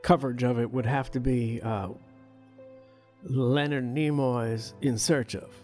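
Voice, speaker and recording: A man's voice: mid-range voice, fairly even intonation, unhurried, a little mellow, soft background music. A man co-hosting a podcast in casual, jokey, riffing chat. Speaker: podcast co-host.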